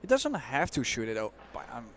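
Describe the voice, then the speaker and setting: A man giving expert analysis on a pool match as co-commentator, explaining shots in a measured way with casual fillers. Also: mid-range voice, huge pitch swings, a bit bright, slight background noise. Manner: explanatory, measured, uses fillers like "you know".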